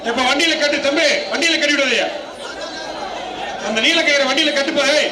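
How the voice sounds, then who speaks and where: A man with a Tamil Nadu accent making formal prize announcements over a public-address loudspeaker at an outdoor event. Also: very high-pitched, a little fast. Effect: amplified through a public-address loudspeaker. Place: outdoor bull-taming arena. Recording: echoey, distant loudspeaker, loud crowd and noise. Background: very loud crowd and outdoor noise.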